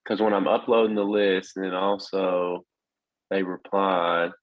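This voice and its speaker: A man's voice: low-pitched, steady tone, a little slow, lo-fi sound. A man on a casual video call, asking questions in an easygoing way. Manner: casual, asks questions, calls people dude. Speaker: real estate investor client.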